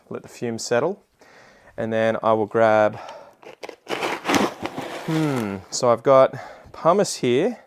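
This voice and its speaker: A man's voice: fairly low pitch, background noise. An Australian man chatting casually while demonstrating a task, in a rambling, self-deprecating, slangy way. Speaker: gardening video creator.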